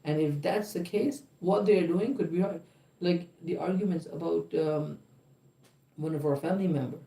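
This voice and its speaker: A man with a slightly high, gravelly, dark-toned voice co-hosts a vlog livestream at normal speed, reasoning aloud earnestly and checking in with "right?" and "why?" in casual chat. The room sound is roomy.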